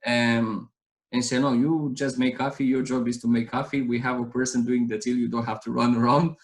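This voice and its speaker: A man's voice: mid-range voice, flat delivery, brisk, poor audio. A man in his thirties from Romania, speaking with a Romanian accent as an interview guest, telling his story earnestly in a rambling way with many restarts. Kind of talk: casual interview chat.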